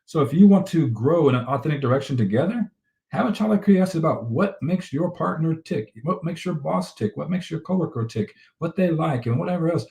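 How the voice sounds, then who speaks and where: A man, a relationship coach, talking fast and energetically in a casual conversation about relationships. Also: on the high side, expressive, vocal fry, darkish tone, echoey room. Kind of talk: casual conversational talk show.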